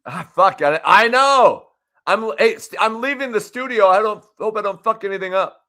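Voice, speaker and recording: A man's voice: sits high, animated, normal speed, sharp tone. A man in his forties talking as a guest on a video call, rambling in casual chat and swearing freely.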